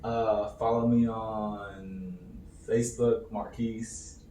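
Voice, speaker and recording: A man's voice: lowish voice, level tone, takes it slowly, mellow. A man co-hosting a podcast in an easygoing, joking way. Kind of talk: casual podcast chat. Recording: echoey room, distant mic, faint noise.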